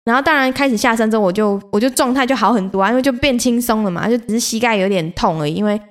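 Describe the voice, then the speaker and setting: Young woman rambling on her podcast, fast and kinda high, animated, swears a lot. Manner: animated, swears freely, acts out her own outbursts. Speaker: podcast host. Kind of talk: casual solo storytelling.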